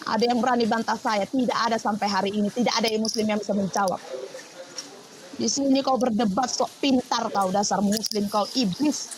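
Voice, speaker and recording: A woman's voice: fairly high pitch, fairly even intonation, a little fast, slight background noise. A woman pastor preaching on a livestream, confrontational and firing off rhetorical questions.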